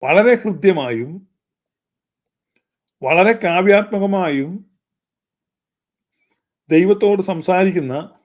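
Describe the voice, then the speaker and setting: A man's voice: high-pitched, lively intonation, very slow, long pauses. A man preaching in a fervent, scolding style, with pointed repetition. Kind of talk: sermon-style critique.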